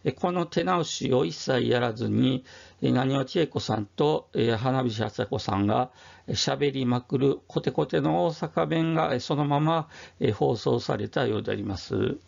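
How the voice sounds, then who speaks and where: A man with an Osaka accent gives an explanatory monologue, speaking in a measured, formal way with many "um" fillers. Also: mid-range voice, gravelly, darkish tone, lo-fi sound. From Osaka, Japan. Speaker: YouTube history presenter.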